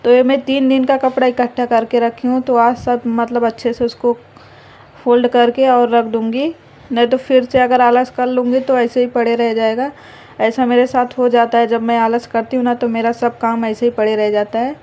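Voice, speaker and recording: A woman's voice: on the high side, level tone, moderate pace, dark tone. A young woman narrating her household chores in a chatty, rambling home vlog. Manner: chatty, rambling, fillers of "matlab". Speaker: vlogger, mother.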